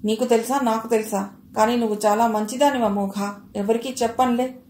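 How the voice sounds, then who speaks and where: A suspicious, sharp-tongued older mother-in-law, voiced by a woman narrator. She scolds and accuses in a slightly high voice. The recording carries a roomy echo. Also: fairly even intonation, fairly quick, natural voice. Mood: scolding.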